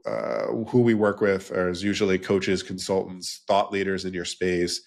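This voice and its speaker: Low-pitched and creaky, a man talks at normal speed with little pitch movement. He has a cold that makes him a bit nasal, and as a casual podcast guest he explains his branding business in long, rambling runs full of restarts and lists of three, in the loose style of an interview chat.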